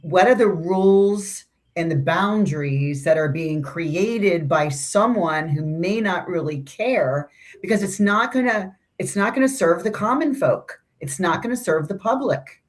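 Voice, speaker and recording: This is a woman with a notably low, deep voice co-hosting an astrology conversation. She talks loosely and chattily, circling back on her points and tossing in asides. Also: lively intonation, unhurried. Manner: chatty, rambling, with restarts and asides. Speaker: astrology podcast co-host. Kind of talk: casual conversational astrology discussion.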